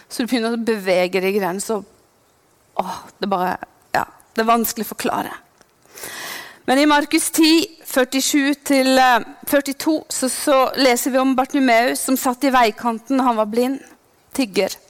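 A woman preaching a sermon with passion, dropping to hushed whispers and then rising to loud proclaiming. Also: on the high side, fairly even intonation.

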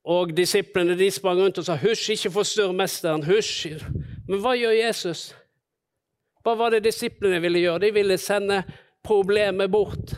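Male preacher, sermon, lively storytelling, acts out the quotes, fairly high voice. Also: smooth. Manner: storytelling, acting out the disciples and Jesus in quotes.

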